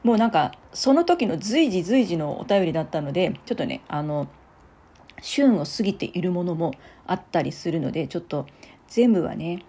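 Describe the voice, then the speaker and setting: Soft-spoken chatty Japanese podcast woman. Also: on the low side, big pitch swings, moderate pace, slightly rough. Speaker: podcast host. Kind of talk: casual solo talk.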